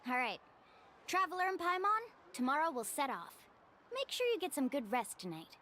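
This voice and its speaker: Game casting: an eager young female guide, high and very lively, earnest and upbeat. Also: normal speed, a little hiss or hum, exaggerated voice. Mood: resolved. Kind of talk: video game voice acting.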